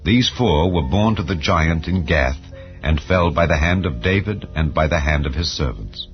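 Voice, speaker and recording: In this solemn, dramatized scripture reading, a deep-voiced man narrates in a measured, declamatory and expressive way fitted to archaic English. Soft music plays under a somewhat dull, lo-fi recording.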